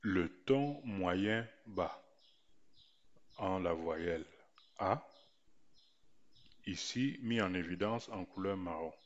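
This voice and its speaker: A man teaches tones with deliberate care, pausing over each syllable as he demonstrates it. His voice sits low and his pace is very slow. The recording sounds dull and lo-fi. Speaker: language teacher. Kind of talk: slow pronunciation lesson.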